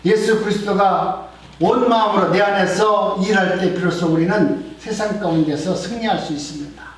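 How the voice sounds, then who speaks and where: High-voiced middle-aged pastor in echoing church. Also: male voice, moderate pace. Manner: earnest preaching that swells and drops in volume. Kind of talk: sermon. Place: church sanctuary. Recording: very echoey church hall, mic at a distance.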